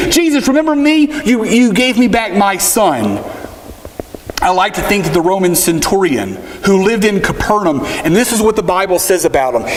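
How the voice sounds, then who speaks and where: High-voiced preacher in echoing sanctuary. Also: male voice. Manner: storytelling, voices crowd cries with rising pitch. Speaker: pastor. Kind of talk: sermon. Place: church sanctuary. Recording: hissy recording with long hall reverb.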